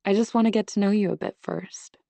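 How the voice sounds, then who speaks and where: A woman's voice: mid-range voice, fairly even intonation, a little fast, gravelly, mellow, no room sound, voice pushed up, close to an everyday voice. A woman reading the lines of a charming, kind young male college swimmer who talks in a friendly, easy and confident way. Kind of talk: audiobook dialogue.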